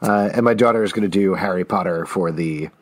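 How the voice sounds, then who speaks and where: A man's voice: deep voice, a little fast. A middle-aged man hosting a show, reading out audience questions and chatting casually. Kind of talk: casual chat.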